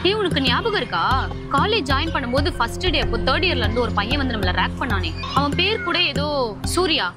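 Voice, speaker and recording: A woman's voice: sits high, lively intonation, fast talker. Actress as a firm, supportive young woman. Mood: urging. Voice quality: firm, urging. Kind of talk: drama dialogue. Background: music.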